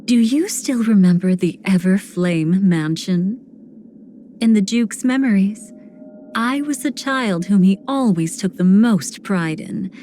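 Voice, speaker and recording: An actress playing a seductive, sinister woman cremator in a video game, speaking in a languid, theatrical way with breathy, whispered phrase endings. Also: medium pitch, takes it slowly, mellow, slight background noise, natural voice. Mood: cool, haughty. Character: seductive, sinister woman cremator who savors betrayal and decay. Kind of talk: video game character voice lines.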